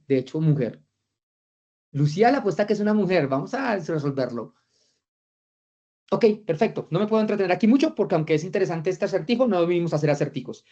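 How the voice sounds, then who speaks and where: Trainer with a mellow voice on a call. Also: mid-range voice, lo-fi sound. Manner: engaging, reads chat replies aloud, rhetorical questions. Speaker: trainer of a virtual course. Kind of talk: interactive online lecture. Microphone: video call.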